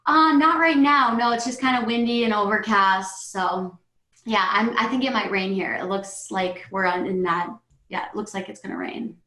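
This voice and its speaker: A woman's voice: mid-range voice, moderate pace, pushed and bright. A woman introducing herself as a panel guest on a video call, friendly and polite. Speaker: panel guest, ski mountaineer. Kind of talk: casual video-call chat. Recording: echoey room on call.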